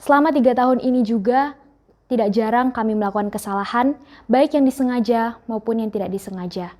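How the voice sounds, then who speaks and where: A teenage girl giving a formal farewell speech on behalf of her class, in a measured, earnest delivery. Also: fairly high pitch, mellow. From Indonesia. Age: teens. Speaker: student speaker.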